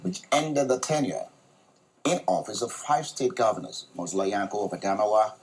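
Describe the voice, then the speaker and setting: A man hosting a studio talk show, reading a news report in a measured, formal way. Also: lowish voice, animated, breathy edge, poor audio.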